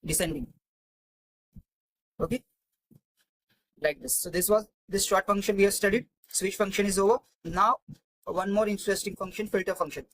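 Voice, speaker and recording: Halting man teaching spreadsheets. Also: high-pitched, fairly even intonation, a bit bright, no echo, low-quality recording. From India. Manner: halting, thinking aloud with many fillers and restarts. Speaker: Excel tutor. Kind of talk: screen-recorded spreadsheet tutorial.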